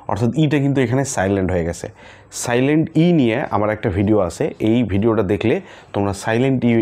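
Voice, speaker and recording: Man teaching English slowly. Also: on the low side, dark tone. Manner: slow, drawn-out word demonstrations. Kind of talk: online English lesson.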